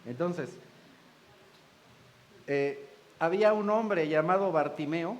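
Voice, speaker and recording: Preaching in church, a pastor speaks slowly in a fairly high-pitched voice, captured on a rough recording. His style is folksy: he jokes with the congregation and acts out the voices of the people he quotes.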